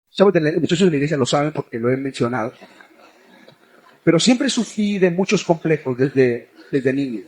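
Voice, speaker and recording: High-voiced man preaching with fervor. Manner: impassioned, builds to forceful near-shouting exhortation; addresses listeners directly as young people. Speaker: evangelist preacher. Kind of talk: sermon.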